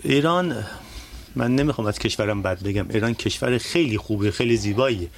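A man's voice: on the low side, very fast, slight background noise. A man in his forties from Iran, answering interview questions earnestly. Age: 40s. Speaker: interview guest.

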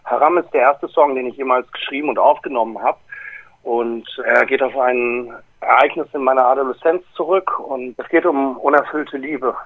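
A man's voice: medium pitch, moderate pace. Man talking over a tinny phone line. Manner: relaxed, hesitant with many fillers. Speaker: interview guest, club owner and rapper. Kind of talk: casual phone interview.

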